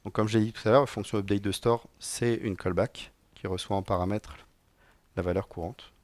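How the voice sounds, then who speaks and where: A man's voice: lowish voice, fairly even intonation, normal speed, no echo. A middle-aged man live-coding at a conference, talking casually with lots of fillers and dry jokes to a room audience. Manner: casual and joking, many fillers. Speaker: conference speaker, technical director. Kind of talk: live-coding tech talk.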